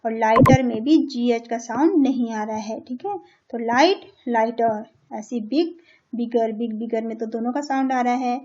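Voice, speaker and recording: A high-voiced Indian woman teaches young children English, going slowly over each sentence and translating it. She keeps checking in with the class in a patient, steady way. The recording sounds dull and lo-fi. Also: a little hiss or hum. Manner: patient, repeats and translates each line, checks with "theek hai". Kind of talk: explaining a children's English lesson in Hindi.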